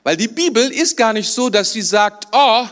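A man's voice: high-pitched, sing-song, moderate pace, a bit bright, soft background music. A male pastor preaching a sermon in church, talking conversationally and putting questions to the congregation.

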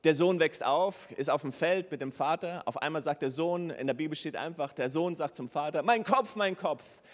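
A man preaching a sermon, retelling a Bible story with lively, acted-out dialogue. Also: fairly high pitch, a little fast. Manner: lively storytelling preacher, acts out the characters' lines. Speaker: pastor. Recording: long reverb of a hall.

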